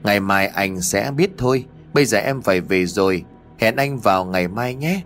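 A man's voice: lowish voice, moderate pace, a bit bright, faint music behind, lightly acted. A man doing a coaxing, secretive young woman.

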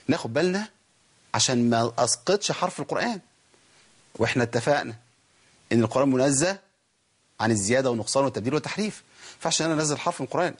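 A man's voice: medium pitch, husky. A man with an Egyptian Arabic accent teaching Quran recitation, explaining each rule and asking and answering his own questions. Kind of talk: tajweed lesson.

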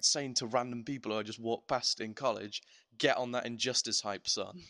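A man's voice: mid-range voice, moderate pace, pushed and bright, no echo, clean studio sound. A young man co-hosting a casual gaming podcast. He talks in a jokey, laid-back way and chuckles often. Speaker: podcast co-host.

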